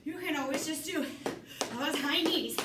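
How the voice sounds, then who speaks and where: A woman's voice: high voice, moderate pace. A woman leading a workout as an aerobics instructor, calling out counts and motivating cues, sometimes out of breath. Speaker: fitness instructor. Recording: echoey room, distant mic, noisy background.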